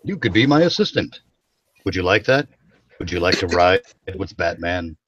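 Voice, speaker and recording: A man voicing Batman, a stern male hero, with a low, solemn, self-serious delivery. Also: big pitch swings, moderate pace, fairly bright tone, muffled recording, heavily acted. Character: gruff male caped crusader, heroic and stern.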